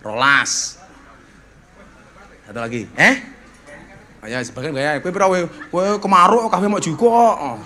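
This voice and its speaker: A man's voice: a little high, animated, unhurried, long pauses, sharp tone. A man with a Javanese accent, a preacher hosting a religious gathering, telling stories and joking with guests. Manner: joking, teasing banter with guests. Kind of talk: lively sermon storytelling to a crowd.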